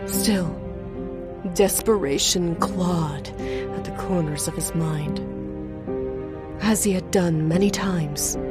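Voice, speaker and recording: A woman voicing a solemn, mystical wandering storyteller who speaks in grandiose, archaic phrases with breathy whispers. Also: mid-range voice, close to an everyday voice. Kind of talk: theatrical fable narration. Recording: very loud music behind the voice.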